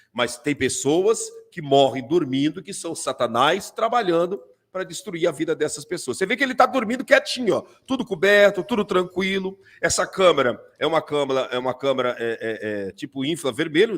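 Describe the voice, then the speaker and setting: A pastor with a Brazilian Portuguese accent comments on video clips during a live stream. His voice is on the high side, and he is animated, full of repeated fillers.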